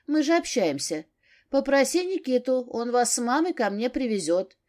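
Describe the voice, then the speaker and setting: A woman reading an audiobook, voicing a defensive, quick-tempered grown daughter. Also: high-pitched, big pitch swings, a little mellow, pitched above the performer's own voice. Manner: flaring, defensive.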